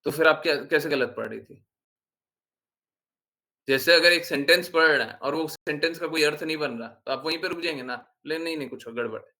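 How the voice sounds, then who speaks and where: Animated spiritual teacher, higher voice. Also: male voice, a little fast. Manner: animated, rhetorical questions, scolding. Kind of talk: informal devotional talk.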